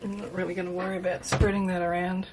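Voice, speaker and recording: Tinny, low-pitched woman on camera mic. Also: level tone, quick pace. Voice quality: tinny, sounds like in a tin can. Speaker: craft video maker. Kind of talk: casual craft demonstration, thinking aloud. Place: indoors at a craft table. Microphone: built-in camera microphone, overhead at a distance. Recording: tinny built-in camera microphone, clear background noise.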